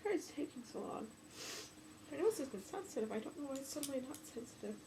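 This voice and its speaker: A woman's voice: high-pitched, sing-song, quick pace, background noise. A young woman with a stuffy nose, chatting casually and apologetically to her viewers from home, with lots of fillers. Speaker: vlogger. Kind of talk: casual talk to camera. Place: home room, off camera.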